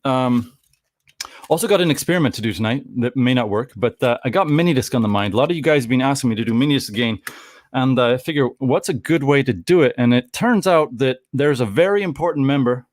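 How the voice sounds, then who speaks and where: A Canadian man in his forties hosts a live stream in a loose, rambling way, breaking off mid-sentence for small jokes. His voice sits at an ordinary pitch. The sound is dry and close, with no room around it. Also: animated, fast, no room sound. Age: 40s. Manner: rambling, self-interrupting, jokey. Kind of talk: casual live stream chat.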